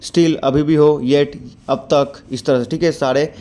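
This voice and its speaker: Young man, exam lesson, reads word lists fast, keeps checking "okay?". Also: on the high side, fairly even intonation, warm tone. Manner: quick, repeats "theek hai?" to check understanding; mixes Hindi and English, reads word lists. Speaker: teacher.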